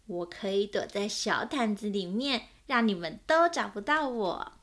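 一位女性为一只倔强又爱玩的小男孩老鼠配音，声音高而有弹性。. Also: female voice, animated, unhurried, fairly bright tone. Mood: stubborn. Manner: high, bouncy child voice. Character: little boy mouse, stubborn and playful.

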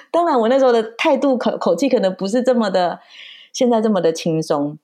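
A woman's voice: fairly high pitch, expressive, a little fast, dark tone. A woman from Taiwan, a mother and podcast guest, telling a family story in casual chat and acting out the voices of her child and herself.

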